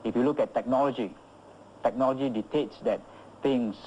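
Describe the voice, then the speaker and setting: A man calmly explaining a point, as if answering an interview question. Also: mid-range voice, brisk, dull audio, a little hiss or hum.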